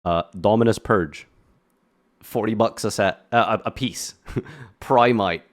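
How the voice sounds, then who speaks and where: A man's voice: fairly low pitch, a little slow. A man giving casual reaction commentary on a video, blunt and ranting, with sarcastic asides.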